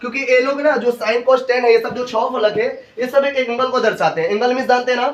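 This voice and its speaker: A man's voice: very high voice, fast talker, far from the mic. A male coaching class teacher with a Uttar Pradesh Hindi accent, leading a classroom lesson and drilling terms with his students in call-and-response. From India. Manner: repeats questions to students, drills terms aloud. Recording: roomy lo-fi classroom sound from afar. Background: students in the room.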